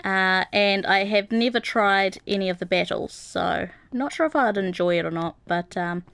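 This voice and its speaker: Heard in a dry recording, a young woman streams a game and chats loosely with viewers, reading out their comments with many ums and uhs. Her mid-range voice is gravelly yet a bit bright, and she speaks at normal speed.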